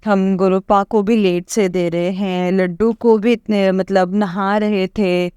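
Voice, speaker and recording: A woman recounts a devotional testimony in a slow, unhurried delivery. Her voice is smooth and clean and sits close and dry, with no room around it. She meanders and hesitates with fillers, often turning to address the gathered listeners. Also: mid-range voice, steady tone, dark tone, dry recording. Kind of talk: rambling personal testimony to a congregation.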